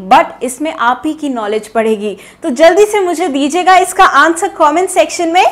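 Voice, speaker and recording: A young woman from India with an Indian English accent, teaching an English pronunciation lesson in a playful, chatty way full of rhetorical questions. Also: high voice. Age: young adult. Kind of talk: online English lesson in Hindi and English.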